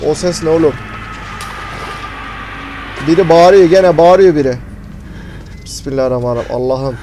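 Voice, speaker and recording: A man commentating a horror game, panicky and swearing, muttering prayers and often dropping to a hushed voice. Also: on the high side, steady tone, measured pace, slight background noise, poor audio. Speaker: gamer.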